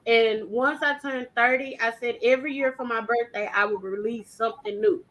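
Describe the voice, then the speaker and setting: A woman in her early thirties hosting a casual panel chat, animated and laughing often. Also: a little high, moderate pace, rough recording. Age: 30s. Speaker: host.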